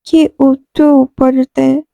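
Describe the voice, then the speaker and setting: A young woman in a casual lesson, reading English song lines slowly and then explaining them in a chatty way. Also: sits high, flat delivery, gravelly, mellow, no room sound, poor audio. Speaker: song lyrics teacher.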